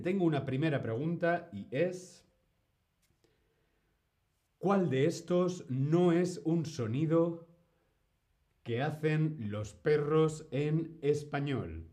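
A man teaching on a live stream, speaking slowly and clearly and greeting viewers in the chat by name. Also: fairly high pitch, warm tone. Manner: slow, clear, greets chat by name, imitates animal sounds. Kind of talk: live-stream language lesson.

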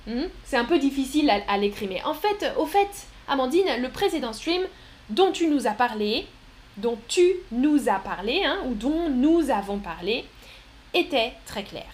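A woman's voice: high-pitched, big pitch swings, measured pace. A woman with a French accent teaching French on a live stream, patiently repeating phrases and answering viewers' comments. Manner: reads viewers' chat comments aloud. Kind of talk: live-streamed language lesson.

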